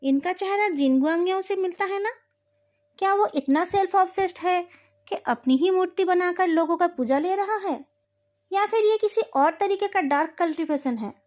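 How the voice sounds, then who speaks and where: A woman's voice: very high-pitched, moderate pace, darkish tone, pitched above the performer's own voice. A woman voicing an impulsive young male cultivator in a storybook retelling, pleading and emotional. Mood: earnest.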